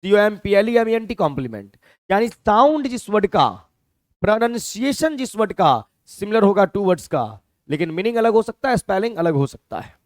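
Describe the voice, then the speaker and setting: A male teacher with a Hindi accent gives a classroom lecture, explaining words step by step and stopping often to ask "clear?". His high voice swings widely in pitch with lively intonation at a moderate pace. The sound is close and dry, with no room echo.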